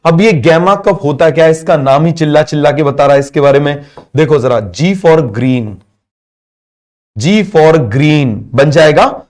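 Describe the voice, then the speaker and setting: A man's voice: on the high side, moderate pace, darkish tone. A male teacher giving a biology class, asking constant questions, having students repeat answers, and mixing English terms into Hindi.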